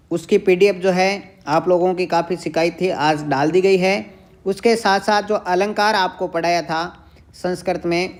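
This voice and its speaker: Woman teacher explaining step by step. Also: medium pitch. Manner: explains step by step, repeats questions to students. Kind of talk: online exam-prep lesson.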